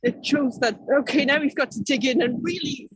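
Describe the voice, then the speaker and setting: Here the Irish keynote speaker, an artist and activist, sounds high and a little fast over slight background noise on a low-quality recording. Her talk stays informal and rambling, full of hesitations and rephrasings.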